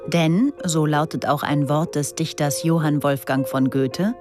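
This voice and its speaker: Tiefe Frauenstimme, Sprecherin mit Musik. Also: female voice, low voice. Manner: calm, measured reading. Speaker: radio feature narrator. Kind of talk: scripted narration. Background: music underneath.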